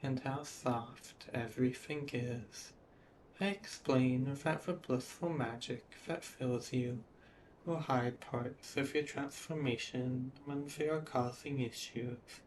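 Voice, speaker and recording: Slow, even-toned man guiding hypnosis, noisy background. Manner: soothing, measured, with drawn-out pauses. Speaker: hypnosis narrator. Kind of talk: scripted guided hypnosis narration. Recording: steady background noise, low rumble.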